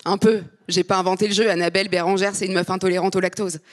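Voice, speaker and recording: A woman's voice: mid-range voice, flat delivery. A woman doing stand-up, ranting in a blunt, exasperated way. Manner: exasperated, blunt, quick rants. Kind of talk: stand-up comedy.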